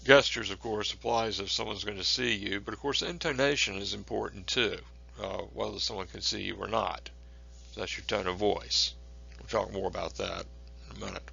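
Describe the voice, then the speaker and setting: A male instructor giving a recorded lecture on presentation skills, measured and plain, with frequent filler words. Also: on the low side, creaky, pushed and bright, husky. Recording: dull lo-fi recording.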